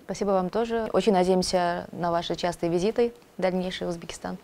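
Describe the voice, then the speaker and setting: A woman in her thirties hosting a formal studio interview in a measured, polite way. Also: fairly low pitch, steady tone, dark tone. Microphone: lapel.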